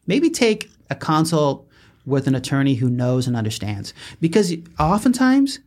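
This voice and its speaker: A man who is an attorney hosting a podcast, explaining legal pitfalls in casual chat, lively and quick to chuckle. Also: fairly high pitch.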